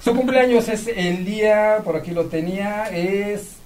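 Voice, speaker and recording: A man's voice: sits high, measured pace, darkish tone. A man presenting a live event as host in an effusive, courteous manner. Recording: distant mic, noisy room ambience.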